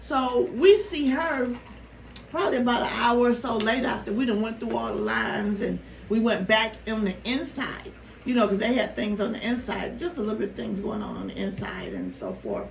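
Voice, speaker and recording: A woman vlogger telling a story casually to her viewers, animated and exasperated, with rhetorical questions. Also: fairly high pitch, moderate pace, creaky. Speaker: mukbang vlogger. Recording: roomy, noisy, distant microphone.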